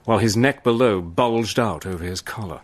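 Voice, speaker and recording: A male actor narrates in the first person as the lead of a radio drama, playing a cool, persuasive British agent. His lowish voice is close to an everyday speaking voice, and he stays calm and measured.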